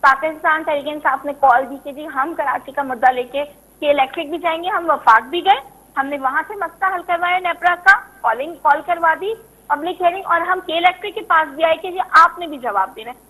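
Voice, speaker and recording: A woman's voice: high-pitched, a little fast, bright, forceful tone, poor audio. A woman politician from Karachi, a guest on a political talk show, who makes her case insistently and repeats her points for emphasis.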